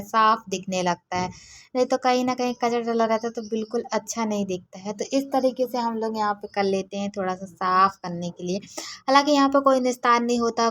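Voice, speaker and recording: A woman's voice: on the high side, fairly bright tone, no room sound. Chatty homely woman vlogger, dry sound. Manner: chatty, talks straight to viewers. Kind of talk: casual home vlog.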